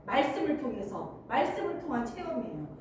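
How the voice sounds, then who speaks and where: A woman's voice: high voice, very animated, brisk. A woman pastor preaching a sermon, earnest and emphatic, often laughing as she speaks. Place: church sanctuary. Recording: very echoey church hall, mic at a distance, faint noise.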